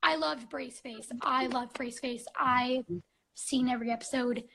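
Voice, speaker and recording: A woman's voice: high voice, fairly even intonation, unhurried, creaky, a crowd in the background, poor audio. A woman in her twenties chatting casually on a live stream, gushing and bubbly, full of fillers like "like" and "um", on a phone mic. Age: 20s.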